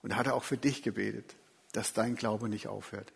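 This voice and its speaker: A man preaching a sermon in a gentle, earnest way with slow, emphatic phrasing. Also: lowish voice, fairly even intonation, creaky, breathy edge. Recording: reverberant hall.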